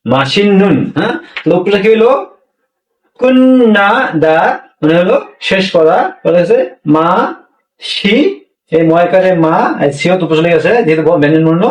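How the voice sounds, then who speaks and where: Recorded from a distance in an echoey room, this man's high voice moves at normal speed but pauses often. He explains pronunciation rules stepwise in a language lesson, repeating himself and answering the questions he asks.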